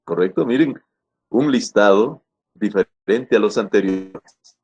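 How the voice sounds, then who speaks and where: A man with a low, husky voice gives a lesson on spelling rules. He speaks in a hesitant, repeating way, filling pauses with "eh". He often turns to his students to check that they follow. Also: a little mellow, dull audio. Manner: checks in with frequent "¿no?" and "¿ya?"; hesitant, repeats words with "eh" fillers. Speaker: language teacher.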